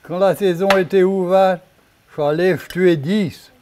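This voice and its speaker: A man's voice: sits high, fairly even intonation, moderate pace, warm tone. An elderly man with a Cajun Louisiana accent, casually telling stories and explaining his home cooking in plain, folksy short phrases. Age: elderly, 70s or older. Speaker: home cook and storyteller. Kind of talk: casual cooking demonstration and storytelling. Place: home kitchen, indoors. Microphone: lapel microphone. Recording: clearly audible room and kitchen noise.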